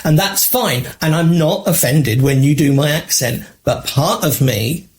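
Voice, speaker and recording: A man's voice: a little high, measured pace, a little mellow. Posh London Englishman, thoughtful talker. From England. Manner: thoughtful, hedging, laughs easily. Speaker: podcast co-host. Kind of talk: casual conversation.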